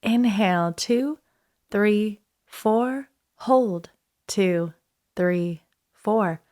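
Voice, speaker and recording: Slow-paced woman guiding a breathing meditation. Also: medium pitch, a little mellow. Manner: soothing, unhurried instruction with pauses. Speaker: guided meditation instructor.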